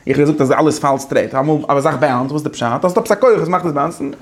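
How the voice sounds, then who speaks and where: Male teacher, gravelly, slightly high voice, halting and animated, casual lecture. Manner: halting, restarts, animated, laughs often. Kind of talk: casual lecture mixing languages.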